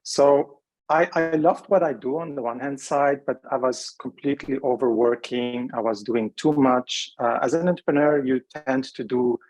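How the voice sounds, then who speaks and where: Male guest with a mid-range voice, measured and reflective in his answers. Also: medium pitch, a little mellow, rough recording. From Lebanon, raised in Switzerland. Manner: measured, thoughtful, pauses to search for words. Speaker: guest, rehab center CEO.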